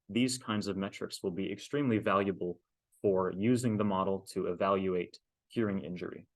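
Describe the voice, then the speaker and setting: A man in his twenties giving an academic technical presentation as a student, speaking carefully and hesitantly with frequent ums and pauses. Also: fairly low pitch. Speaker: master's student presenting a thesis defense.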